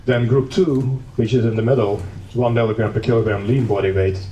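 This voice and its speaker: The speaker is a Dutch man giving an academic conference lecture in a conference hall, explaining steadily with a hint of dry humor. His warm, mid-range voice is steady in tone and fairly quick, and the sound is lo-fi. There's echo from the hall, a distant mic, and faint noise.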